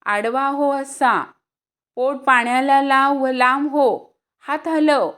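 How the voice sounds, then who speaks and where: A woman's voice: medium pitch, animated, takes it slowly. A woman doing an encouraging swimming teacher. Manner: encouraging, coaxing. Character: encouraging older village youth teaching swimming.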